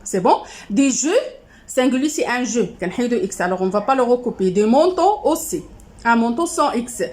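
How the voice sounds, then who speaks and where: A high-pitched woman with a Moroccan accent teaches a class. She reads each word slowly, states the rule in a lower, flatter voice, and then checks that everyone has followed. Now and then she breaks into quick asides. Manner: patient, repeats each word then its rule, asks "c'est bon?"; switches into fast Moroccan Arabic asides. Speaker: primary school teacher. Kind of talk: classroom lesson correcting exercises.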